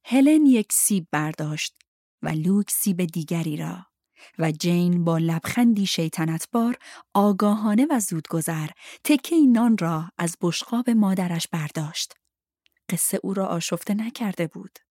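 A woman narrating a novel aloud in a steady storytelling manner. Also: fairly low pitch, no room sound, clean studio sound. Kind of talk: audiobook narration.

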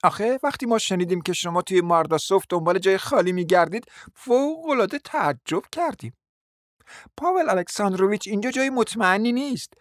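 A man voicing a bold, sharp-tongued lady with a sarcastic, needling manner. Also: high voice, animated, no echo, studio quality, pitched above the performer's own voice.

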